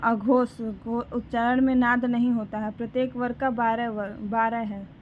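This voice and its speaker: A woman teacher giving an exam-prep lesson, slowly reading out lists and reminding students to memorize them. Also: fairly high pitch, little pitch movement. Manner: slow, deliberate listing with repeated reminders to memorize. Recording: slightly dull recording with faint room noise.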